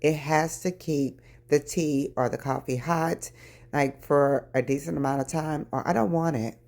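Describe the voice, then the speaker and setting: A woman's voice: deep voice, unhurried, gravelly, darkish tone. A middle-aged woman vlogging casually as she declutters, chatty and talking straight to her viewers in her early morning voice. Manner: chatty, addresses viewers as y'all. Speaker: lifestyle vlogger. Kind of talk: casual chat while decluttering.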